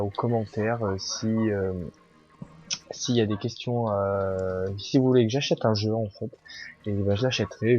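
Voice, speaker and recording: A man's voice: fairly low pitch, warm tone. A young man introducing his gaming channel in a casual, hesitant way, with many fillers and restarts. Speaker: gaming YouTuber. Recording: dull lo-fi sound with faint music.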